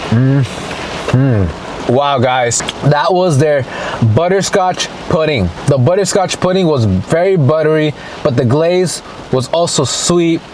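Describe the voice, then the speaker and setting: A food review vlogger, a man with a fairly high, darkish voice, speaks at an unhurried pace in a casual mukbang eating review to camera. Between bites and savoring hums, he addresses viewers as "guys." The recording is rough, with clear ambient noise in the background.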